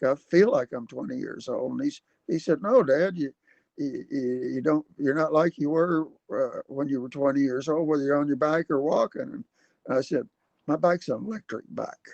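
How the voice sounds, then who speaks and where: A man in his seventies hosting a casual livestream from his computer at home, rambling and halting with many fillers. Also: mid-range voice, gravelly, darkish tone, no room sound, dull audio. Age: 70s. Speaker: livestream host. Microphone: computer webcam mic.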